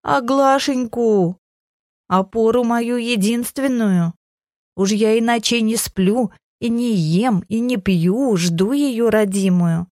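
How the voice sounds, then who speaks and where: A woman's voice: on the high side, slow, a little mellow, no room sound, studio quality. A woman voicing a hunched, sly old crone who fawns and laments in a quavering voice, full of sugary endearments. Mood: lamenting.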